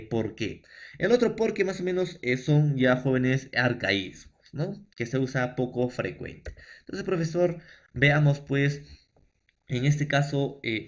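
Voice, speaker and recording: A man's voice: mid-range voice, fairly bright tone. A middle-aged man from Peru, speaking with a Peruvian Spanish accent, teaching a lesson to young students. He explains patiently and repetitively, with frequent fillers and tag questions. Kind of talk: remote classroom lesson.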